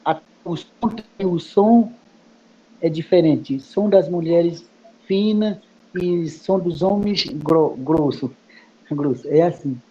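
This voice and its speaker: Halting Kayapó-native man, muffled. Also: high voice, warm tone, slight background noise. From Brazil. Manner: halting, repeats words with many fillers. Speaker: guest speaker. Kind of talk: explaining in a study group meeting. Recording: muffled lo-fi recording.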